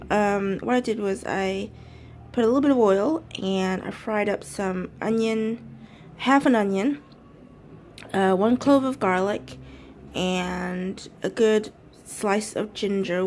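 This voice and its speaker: A woman's voice: medium pitch, a little hiss or hum. A young woman chatting casually in a vlog, rambling a little and correcting herself as she talks. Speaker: vlogger.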